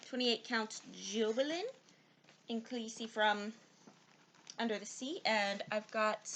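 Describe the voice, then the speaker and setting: A woman with a somewhat high voice chats casually and teasingly about her stitching projects. A faint hiss of background noise sits under her voice. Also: fairly bright tone. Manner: teasing, joking. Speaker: co-host. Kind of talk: casual chat.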